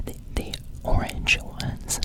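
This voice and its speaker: A man whispering an ASMR ramble close to the microphone, softly repeating words and phrases as he goes. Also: takes it slowly. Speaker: ASMR video creator and host. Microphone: close microphone, brushed as he talks.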